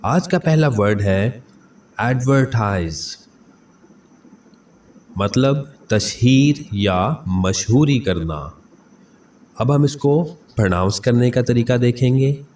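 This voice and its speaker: A man teaching English vocabulary, saying each word slowly and repeating it several times. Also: medium pitch, expressive, darkish tone. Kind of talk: pronunciation lesson. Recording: slightly distant mic with faint background noise.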